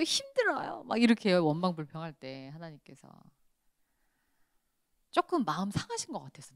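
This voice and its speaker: Smooth-voiced woman teaching a prayer class. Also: mid-range voice, no room sound, clean studio sound. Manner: lively storytelling, acting out quoted voices.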